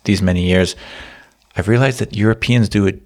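A man's voice: fairly low pitch, fairly quick. A man hosting a casual podcast, teasing his co-host and tossing in jokes. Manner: joking, teasing interjections.

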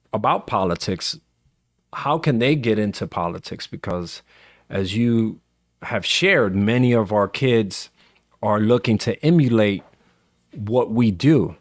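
A male show host addresses his guest earnestly, with long, flowing sentences of praise. His voice is lowish. The recording is dry and close, with no room sound. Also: no room sound. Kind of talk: interview hosting.

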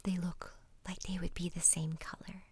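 A woman guiding a relaxation exercise in a soft, soothing ASMR whisper, breathy and gentle, close to the microphone. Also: on the low side, level tone. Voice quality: breathy, unvoiced. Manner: slow, unhurried instructing with pauses.

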